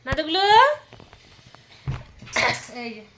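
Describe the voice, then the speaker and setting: A young woman chatting casually in a home vlog, sometimes speaking softly. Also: slow, heavy background noise. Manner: chatty, talks softly at times. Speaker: vlogger.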